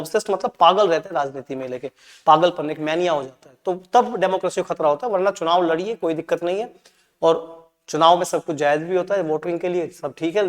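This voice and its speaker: In a large hall, a high-voiced man runs an English exam-preparation session, going over answers. His Hindi commentary is mixed with English lines read aloud, and he keeps checking in with "ठीक है?".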